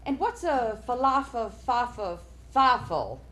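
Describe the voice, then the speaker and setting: An overfriendly American tourist, high and very animated. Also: female voice, takes it slowly, full character voice. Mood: gushing. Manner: loud, gushing, overfriendly. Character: loud chatty American tourist woman.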